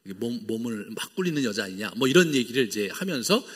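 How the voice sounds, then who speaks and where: A man's voice: mid-range voice, very animated, fast talker, slightly rough, long reverb tail. A male pastor preaching a sermon. He talks animatedly, acts out the dialogue in playful voices and uses lots of fillers. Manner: lots of fillers, wide swings in loudness. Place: church sanctuary.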